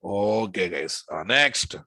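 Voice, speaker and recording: A man's voice: lowish voice, lively intonation, slow pace, pushed and bright, no room sound. A man with a Telugu Indian English accent lecturing informally as a programming instructor, emphatic, repeating phrases and often checking with the class through questions.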